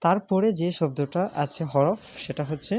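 A man's voice: fairly high pitch, moderate pace, a little mellow, dry recording. Man, patient tutor, repeats letter names, dry recording. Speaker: Arabic alphabet teacher. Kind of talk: step-by-step spoken lesson.

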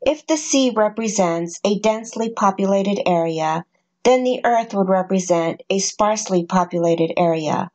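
A woman in a scripted narration, reading scripture and numbered points at a measured, even pace. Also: medium pitch. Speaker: prophecy narrator.

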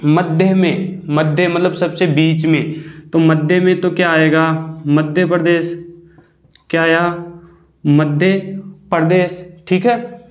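Male teacher, high-pitched, quizzes and answers himself in a classroom lesson, recorded in an echoey room. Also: flat delivery. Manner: repeats questions and answers them himself, drawn-out key words.

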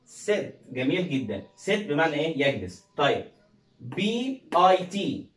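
An Egyptian-accented man in a slightly high register runs a pronunciation lesson, repeating word lists and quizzing in a call-and-answer way. The sound is roomy and echoey, picked up from some distance off the mic. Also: sing-song. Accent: Egyptian Arabic. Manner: drills words slowly, asks and answers his own questions. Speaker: English teacher.

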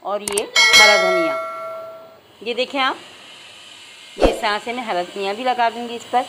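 A woman hosting a home cooking channel, explaining each step calmly to her viewers. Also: medium pitch, a little slow, very noisy. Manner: addresses viewers as "nazreen" again and again, calm instructive. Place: home kitchen.

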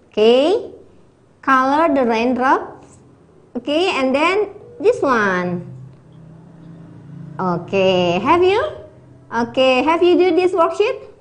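A woman's voice: high voice, very animated, very slow, long pauses. A woman with an Indonesian accent teaching kindergarten children over a video call, patient and encouraging. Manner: patient, encouraging, repeats a child's name often. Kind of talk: live online class for young children.

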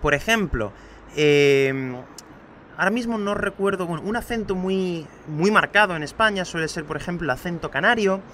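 A man's voice: high voice, normal speed, fairly bright tone, a little hiss or hum. A man from Andalusia with a light Spain Spanish accent, teaching a podcast lesson and patiently explaining while addressing the listener directly, recorded on his outdoor home terrace. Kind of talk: podcast lesson answering student questions.

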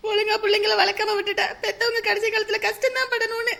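A fretful middle-aged mother-in-law in a home drama, acted by a woman, with a very high, bright voice. she pleads with her family in a tearful way. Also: little pitch movement, quick pace, vocal fry, exaggerated voice. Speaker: actor. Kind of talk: web drama acting.

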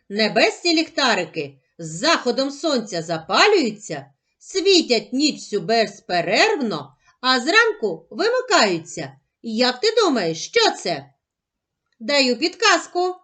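A woman teaching a phonics lesson to young children, sounding out syllables slowly and carefully. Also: sits high, very animated, fairly bright tone. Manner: slow, careful, over-articulated sounding out of syllables.

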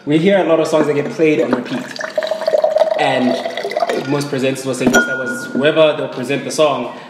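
A man's voice: mid-range voice, steady tone, moderate pace, heavy background noise. A young man asking questions as a casual interviewer. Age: young adult. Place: indoor bar-restaurant. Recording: roomy restaurant sound with music.

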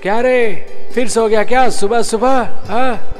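A man's voice: high voice, unhurried, long reverb tail, soft background music. A man voicing a brash village boy in a cartoon, teasing and bossy.

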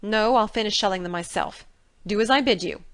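A woman voicing a strict older female guardian with a sharp, scolding manner, read for an audiobook. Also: medium pitch, fairly quick, no echo, natural voice. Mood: angry. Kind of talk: audiobook character reading.

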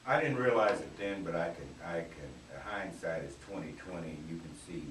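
A man in his sixties, a Vietnam veteran, reflecting haltingly on a radio roundtable with many fillers. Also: sits low, lively intonation, fairly bright tone. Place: small radio studio. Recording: roomy, distant camera audio with faint noise.

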